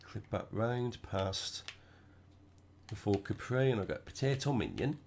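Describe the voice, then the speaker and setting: A UK gaming channel host gives casual commentary on his racing game, relaxed and chatty as he thinks aloud while driving. His voice is croaky and stuffed up from a cold and sits a little low. He keeps a measured pace, with a slight hiss or hum in the audio.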